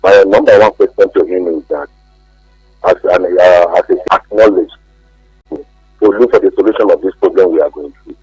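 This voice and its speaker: A man calling in to a radio show, speaking earnestly and haltingly. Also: low voice, steady tone, mellow, slightly rough, dry recording, soft background music, rough recording. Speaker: caller. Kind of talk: call-in comment.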